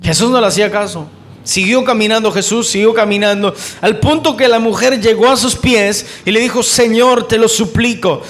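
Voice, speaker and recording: A man preaching a sermon, fervent, calling his listeners brothers and asking rhetorical questions, racing through some phrases and slowing right down on others. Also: high voice, fairly bright tone. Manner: shifts between quick bursts and slow emphatic phrases.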